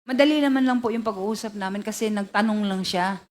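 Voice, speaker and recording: Hesitant woman testifying at a hearing. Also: medium pitch. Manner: hesitant, halting, polite with many fillers. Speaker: witness at a hearing. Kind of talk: formal testimony.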